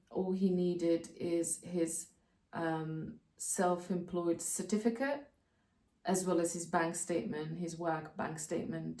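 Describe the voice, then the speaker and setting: Woman, lowish voice, casual step-by-step explaining, echoey room, a bit far from the mic. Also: dark tone. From Slovakia. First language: Slovak. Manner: practical, step-by-step explaining with frequent hesitations. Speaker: co-host of a channel about moving abroad. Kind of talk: casual explanatory vlog talk. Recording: roomy sound, voice off-mic.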